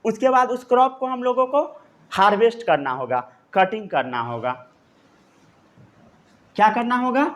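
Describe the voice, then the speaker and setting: A man teaching a science lesson in Hindi, stopping often to dictate key terms slowly so students can write them down. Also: sits high, expressive, fairly bright tone. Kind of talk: classroom lecture.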